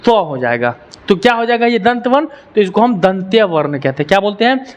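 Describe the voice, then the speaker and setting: High-voiced man teaching grammar. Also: a little fast. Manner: drills syllables aloud, asks questions and answers them himself; mixes in English words. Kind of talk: grammar lesson.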